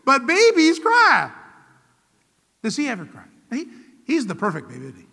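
A man's voice: high-pitched, wildly swooping pitch, fast talker, vocal fry, slightly rough. A man preaching a sermon as pastor, emphatic and rousing, calling out to his congregation. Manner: emphatic call-and-response preaching. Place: church. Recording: church hall reverb.

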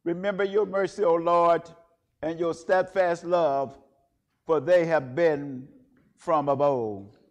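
A man leading a church service, intoning prayers and reading scripture in a measured, solemn way, with a cathedral echo around his voice. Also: a little high, fairly even intonation. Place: large church. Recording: long echoing church reverb.

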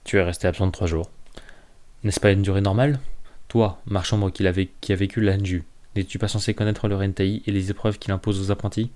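A man's voice: deep voice, flat delivery, a little fast, darkish tone, close to an everyday voice. A man reading the part of a wounded, defiant young woman apprentice who speaks bluntly. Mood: fierce.

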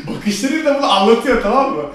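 A young man hosting a casual chat who calls himself excitable and short-tempered, talking loudly and swearing freely. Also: very high-pitched, quick pace. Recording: very echoey room, away from the mic.

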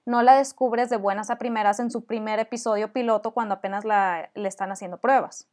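A woman's voice: medium pitch, fairly even intonation, brisk, darkish tone. A woman hosting a solo podcast, giving encouraging, conversational advice and building her points with repeated phrases. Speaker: podcast host.

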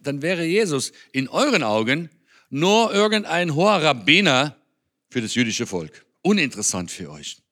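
A man preaching in a church with a fairly high, bright voice. He talks to the congregation in an earnest, conversational way, as if chatting with them. His tone is forceful and clear. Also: very animated, moderate pace. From Germany. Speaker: speaker on Israel at a church. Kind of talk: sermon.

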